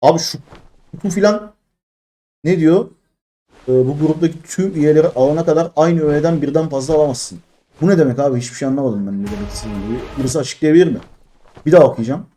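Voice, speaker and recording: A man in his thirties from Turkey, streaming a mobile game and complaining in exasperation as he opens crates, jumping between loud high outbursts and low mutters. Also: fast. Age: 30s. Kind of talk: live-stream crate-opening commentary.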